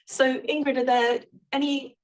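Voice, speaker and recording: Woman moderator, brisk, wry, fairly high voice. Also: little pitch movement. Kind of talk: panel moderation.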